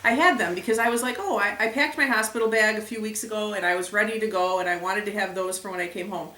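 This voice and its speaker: A young woman vlogger chatting casually to the camera, retelling events with lively acted quotes. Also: mid-range voice, quick pace, distant mic. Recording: echoey room, a bit off mic.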